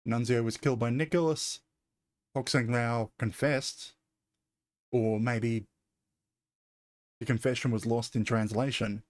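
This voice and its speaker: A man's voice: mid-range voice, fairly even intonation, unhurried, pauses often, no echo. A man streaming a mystery game, thinking aloud in a hesitant, self-correcting way. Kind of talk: casual gameplay commentary.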